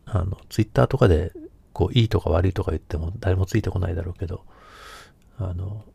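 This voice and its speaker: A man's voice: sits low, brisk, vocal fry, mellow, slightly rough, no room sound. A man hosting a casual solo podcast who talks in a meandering way, hesitating often and correcting himself. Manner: meandering, self-correcting talk with many hesitations. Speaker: podcast host.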